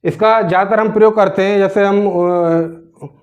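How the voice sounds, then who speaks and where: The recording is dull and lo-fi. A man teaching grammar, with a high, steady, unhurried voice, asks his own questions and answers them, frequently checking on his students with "theek hai na".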